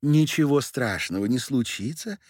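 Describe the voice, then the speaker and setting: A man's voice: mid-range voice, lively intonation, normal speed, a little mellow, no echo, clean studio sound, voice pushed up, natural voice. A man voicing a miller's wife, a mocking, hospitable village woman with folksy, coaxing speech.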